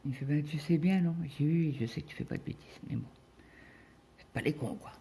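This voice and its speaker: A woman's voice: low voice, fast, mellow. A middle-aged woman from France, chatting casually while she cross-stitches and tells a family story, full of fillers and quoted dialogue. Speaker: crafting vlogger.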